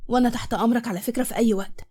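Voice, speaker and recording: A woman playing a devoted young nurse in a storybook tale, gushing and outspoken with an Egyptian accent. Her voice sits fairly high and tumbles out fast. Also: fairly even intonation, mellow, close to an everyday voice. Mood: eager. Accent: Egyptian Arabic. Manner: eager, gushing. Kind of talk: storybook voice acting.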